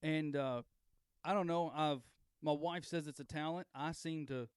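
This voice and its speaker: A man's voice: a little high, steady tone, unhurried, clean tone, no echo, clean studio sound. A man, a podcast guest and auctioneer, telling stories in an easygoing, joking way. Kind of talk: casual chat. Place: podcast studio.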